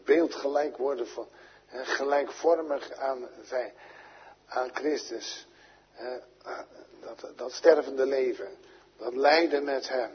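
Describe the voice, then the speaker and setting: A man's voice: mid-range voice, slow, breathy edge. A Dutch-accented man preaching a sermon, earnest, his voice swelling when he quotes prayers. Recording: dull lo-fi recording in a reverberant church.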